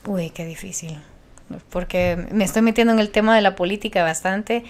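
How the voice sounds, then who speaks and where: Animated Honduran woman radio announcer. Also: medium pitch, moderate pace. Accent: Honduran Spanish. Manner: animated, passionate, many restarts. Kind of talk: casual interview chat.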